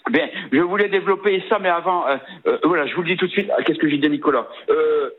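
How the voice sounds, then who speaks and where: A man in his sixties from the Vosges, France, calls in to a radio show, speaking fast in a slightly high, somewhat rough voice with a Vosges French accent. He talks hesitantly, full of fillers and restarts, over a tinny phone line.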